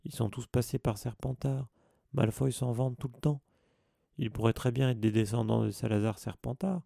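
A man's voice: mid-range voice, steady tone, moderate pace, creaky, warm tone, no room sound. A man voicing an earnest teenage boy in a plain, reasoning tone close to his own voice.

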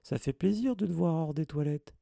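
A man's voice: medium pitch, moderate pace, creaky, mellow, dry recording, studio quality. A man voicing a studious, clever schoolgirl with a know-it-all, easily flustered manner.

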